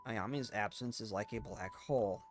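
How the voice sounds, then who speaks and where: A man voicing a grave, regretful anime game heroine, reading the dialogue aloud in a solemn, halting way. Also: lowish voice, close to an everyday voice. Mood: bitter, sorrowful. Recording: music under the voice.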